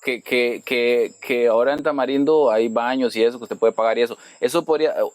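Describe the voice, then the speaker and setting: A man's voice: medium pitch, steady tone, a little fast, no echo. A man with a Costa Rican accent talking casually on a podcast, repeating words as he searches for his phrasing. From Costa Rica. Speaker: podcast speaker.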